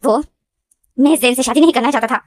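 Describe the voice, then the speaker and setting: A woman's voice: sits high, brisk. A woman playing a desperate, heartbroken young man. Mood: insistent. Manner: pleading, insistent.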